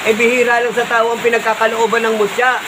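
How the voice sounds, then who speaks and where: A man with a Filipino accent answering a critic in his vlog, calm but insistent, repeating his points and tagging "diba?". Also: very high-pitched, fast talker, background noise. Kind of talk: spoken reply vlog.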